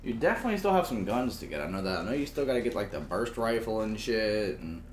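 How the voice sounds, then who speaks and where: A man's voice: fairly low pitch, very animated, quick pace. A young man giving casual co-op game commentary in a slangy, sweary, rambling way. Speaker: gaming commentator. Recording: echoey with faint game noise.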